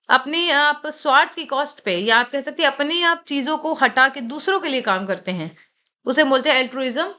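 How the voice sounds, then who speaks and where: A woman with an Indian English accent teaching English vocabulary for competitive exams, repeating each word slowly and clearly for students to say aloud. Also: high voice, sharp tone. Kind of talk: exam-prep vocabulary lesson, Hindi mixed with English.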